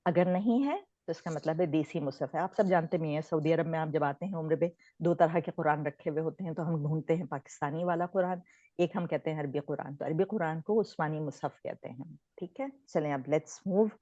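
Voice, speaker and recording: A woman's voice: deep voice, warm tone, no echo. A woman from Pakistan giving an informal online recitation lesson, explaining conversationally and mixing English words in. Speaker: Quran recitation teacher. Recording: dull lo-fi sound.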